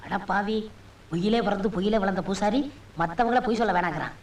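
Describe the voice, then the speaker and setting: A man's voice: high voice, quick pace, slight background noise, natural voice. A man playing a sly cowardly disciple. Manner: cheeky, wailing when beaten. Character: scheming cowardly male disciple, ex-convict, cheeky. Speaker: sorcerer's disciple. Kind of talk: 1990s film comedy dialogue.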